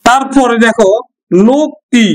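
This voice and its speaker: Step by step, a Bangladeshi Bengali-accented man works through an exam-prep grammar lesson, posing questions he answers himself and repeating each example so it sticks. He speaks in a fairly high voice with fairly even intonation and a slightly slow pace, and the audio is poor.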